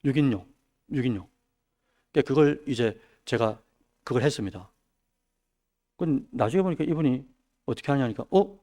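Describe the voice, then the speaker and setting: A man preaching a midweek sermon, dropping his voice low and then rising loud. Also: expressive, normal speed, long pauses. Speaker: pastor. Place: church sanctuary.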